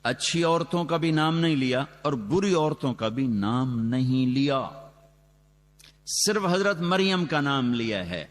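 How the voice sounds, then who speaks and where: Man, sermon, dramatic storytelling, slow Arabic chanting, mid pitch, long hall reverb. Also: animated. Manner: dramatic storytelling with sudden loud rises and quick asides; chants Quranic Arabic slowly. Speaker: preacher.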